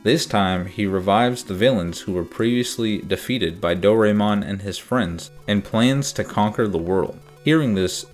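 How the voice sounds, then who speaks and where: A man narrating a comedic video game review in a deadpan, sarcastic manner. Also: fairly low pitch.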